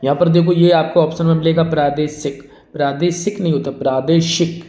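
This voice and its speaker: A man teaches Hindi spelling for exam prep, repeating each word, posing questions and answering them himself, and calling his students "friends" and "brother." He talks fast in a fairly high, level, warm voice, and the sound is roomy.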